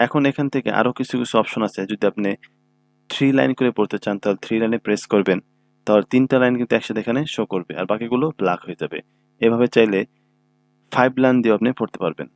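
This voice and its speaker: A man's voice: lowish voice, quick pace. A man giving a screen-recorded computer tutorial, explaining each step patiently and often checking that listeners follow. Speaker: computer instructor. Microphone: own microphone.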